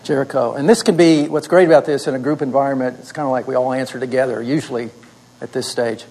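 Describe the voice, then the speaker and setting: A man's voice: mid-range voice, fairly even intonation, fast talker, darkish tone, low-quality recording. Man leading a classroom Bible lesson. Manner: asks the class questions and answers them himself. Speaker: instructor. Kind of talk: classroom teaching.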